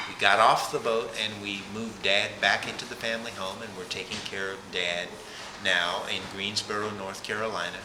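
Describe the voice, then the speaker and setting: A man being interviewed, telling his story in a plain, relaxed way. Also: on the low side. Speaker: interviewee, sailor. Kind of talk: casual interview. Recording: echoey room, loud party noise.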